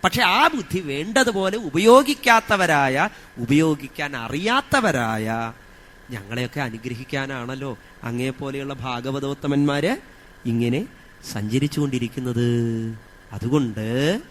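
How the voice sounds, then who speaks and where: A man with a Malayalam accent giving a religious discourse on scripture, chanting verses slowly and asking his listeners rhetorical questions. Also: mid-range voice, animated, fairly bright tone, a little hiss or hum. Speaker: scripture teacher.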